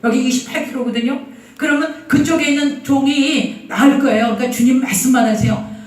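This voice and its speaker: A woman's voice: high voice, steady tone, brisk, darkish tone, lightly acted. A woman preacher voicing a humble centurion who pleads earnestly in a chatty, everyday way. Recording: echoey hall, mic from far off.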